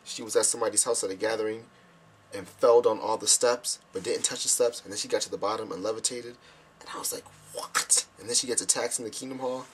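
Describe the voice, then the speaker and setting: Lively storytelling young man. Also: fast, slight background noise. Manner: animated, acts out his own past lines in a higher voice. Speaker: volunteer minister abroad telling stories. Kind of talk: casual storytelling.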